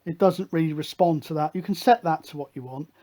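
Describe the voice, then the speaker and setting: A man's voice: a little high, fairly quick, warm tone. A British man hosting a hobby electronics video, talking through a hands-on demonstration in a chatty, matter-of-fact way.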